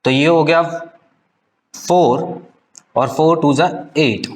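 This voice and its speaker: A man's voice: on the high side, takes it slowly. A man teaching a live online math class, explaining step by step and often checking if students follow.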